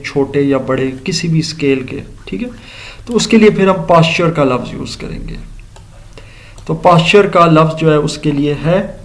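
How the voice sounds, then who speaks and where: Male grammar teacher, slightly high voice, patient step-by-step classroom explainer. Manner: explains slowly, repeating and checking understanding; mixes English words and sentences into Urdu explanation.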